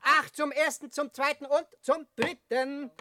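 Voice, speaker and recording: A woman's voice: high voice, steady tone, unhurried, bright, forceful tone, slight background noise. A woman playing a village auctioneer in a radio drama, chanting out lots and bids. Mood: brisk, calling out. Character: village auctioneer crying out old household junk. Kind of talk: stage-like radio drama acting. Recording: chattering crowd behind the voice.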